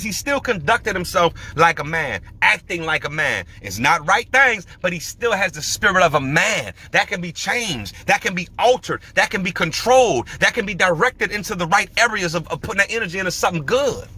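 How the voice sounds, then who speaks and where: A man's voice: sits high, brisk, few pauses, breathy edge. A man hosting a podcast, telling stories and giving emphatic, slangy opinions in casual commentary. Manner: animated storytelling, emphatic, slangy. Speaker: podcast host.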